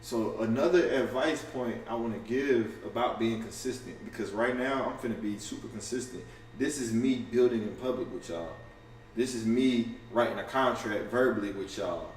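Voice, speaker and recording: A man's voice: medium pitch, recorded from a distance, slight background noise. A man chatting loosely to his camera in a casual livestream, slangy and profane, tripping over restarts and tossing in "you feel me." He is heard from some way off in a roomy space with faint ambience behind him. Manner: fast and offhand. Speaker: content creator going live.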